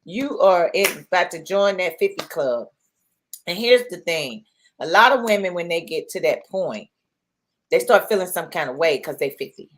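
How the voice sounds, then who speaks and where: A woman's voice: fairly low pitch, expressive, moderate pace, a bit bright. A middle-aged woman co-hosting a casual talk show, chatty, often repeating herself and pressing with questions. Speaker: podcast co-host. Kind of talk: casual chat.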